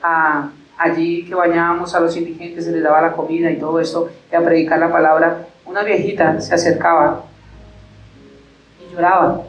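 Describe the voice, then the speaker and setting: A man's voice: a little high, little pitch movement, moderate pace, soft background music. A male pastor tells a story in his sermon and then leads an earnest closing prayer in a church. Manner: conversational, recounting and then praying earnestly. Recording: roomy church echo.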